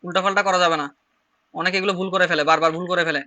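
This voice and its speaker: A man with a Chittagong Bengali accent teaches an online shorthand class in a high, very bright voice. He drills each point step by step and says it again and again, so the class can follow. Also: fairly even intonation, rapid-fire. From Bangladesh. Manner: repetitive, drilling, step-by-step explaining.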